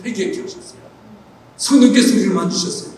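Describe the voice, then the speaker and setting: High-voiced pastor preaching in an echoing hall. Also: male voice. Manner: impassioned preaching, stretching key phrases slowly, soft quoted words of God. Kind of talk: sermon. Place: large church hall. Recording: roomy echoing hall, voice picked up from far off.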